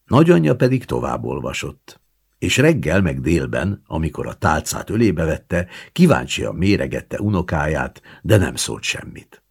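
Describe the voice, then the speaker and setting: A man narrating a literary short story in an expressive, dramatic reading with hushed asides. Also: extremely low pitch, vocal fry, breathy edge. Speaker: audiobook narrator.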